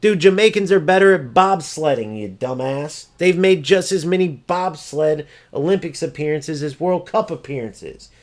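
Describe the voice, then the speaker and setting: A man's voice: fairly high pitch, animated, normal speed, few pauses. A man ranting over gameplay footage, exasperated, profane and mocking as he vents about an opponent. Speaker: gaming streamer.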